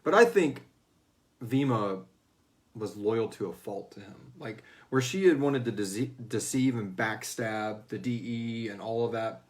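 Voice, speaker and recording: A man with a lowish, slightly slow voice hosts a casual Q&A as the writer of a serialized audio fiction series. He talks informally and acts out character lines in passing.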